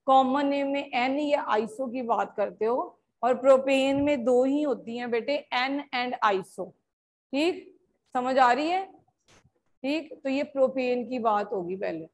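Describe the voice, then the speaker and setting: A high-pitched woman teacher from India explains chemistry at an unhurried pace. She drifts between Hindi and English and keeps asking her students whether they understand. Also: a little mellow. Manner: mixes Hindi and English, checks understanding often; addresses students as beta. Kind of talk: classroom lecture.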